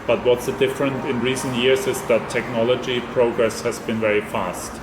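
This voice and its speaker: A man giving formal interview answers as an institute director, measured and full of ums and restarts. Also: medium pitch, roomy sound, background noise. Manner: measured, flat delivery with frequent ums and restarts.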